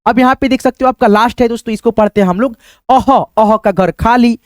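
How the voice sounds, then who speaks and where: A man teaching the alphabet to beginners slowly and patiently, asking questions and answering them himself, with a friendly word for the audience in nearly every sentence. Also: very high voice, steady tone, dry recording, studio quality.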